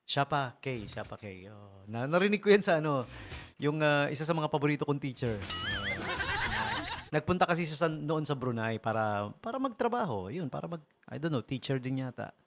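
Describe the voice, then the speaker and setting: A man's voice: mid-range voice, moderate pace. A man, a radio DJ telling funny stories in a casual, joking way and laughing often. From Philippines. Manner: joking, chuckling often, animated. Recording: radio broadcast with music behind. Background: music.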